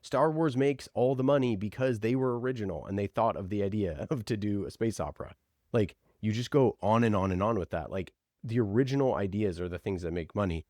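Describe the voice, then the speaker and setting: A podcast producer appears as a guest in a casual, conversational interview, arguing his points with emphatic, passionate conviction and rhetorical questions. His voice sits on the low side with a darkish tone, and the studio recording is clean with no echo.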